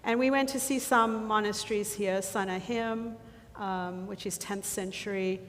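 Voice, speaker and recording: A woman walks a church congregation through photos from a mission trip, chatting along, full of ums and restarts. Her voice sits at an ordinary middle pitch. The sound has a long hall echo and a faint hiss behind it. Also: steady tone, measured pace. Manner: chatty, loses her thread, many ums. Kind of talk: slide presentation to a church congregation. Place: church sanctuary. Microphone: handheld or lapel mic.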